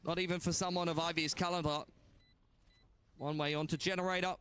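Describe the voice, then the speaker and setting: A man's voice: on the high side, flat delivery, fairly quick, a bit bright, a little hiss or hum. A man doing live esports commentary and analysis as a caster.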